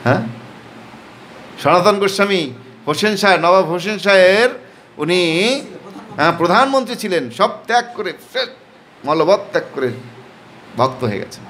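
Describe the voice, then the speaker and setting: A man with a Bengali accent delivers a devotional sermon in a slightly high voice. He asks rhetorical questions and answers them himself with emphatic repeated "yes". Faint ambient noise sits behind him. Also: lively intonation, normal speed, pauses often, a bit bright. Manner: leads crowd in call-and-response chanting. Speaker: preacher.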